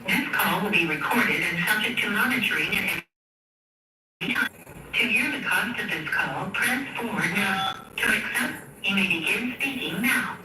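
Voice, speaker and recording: A recorded woman's voice gives flat, formal prompts on an automated prison phone line. It sounds distant and echoey, with steady noise underneath, as if the clip were replayed from across a room. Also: medium pitch, moderate pace. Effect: automated prison phone-line announcement. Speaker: recorded call system announcer.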